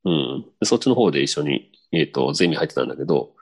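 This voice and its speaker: A man with a very deep voice hosts a podcast in a relaxed, chatty way. He reads out listener mail and keeps the talk going with quick, animated speech and easy laughter. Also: gravelly, husky. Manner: relaxed, chatty, frequent laughter and back-channel "un". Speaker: podcast host reading listener messages. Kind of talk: casual chat.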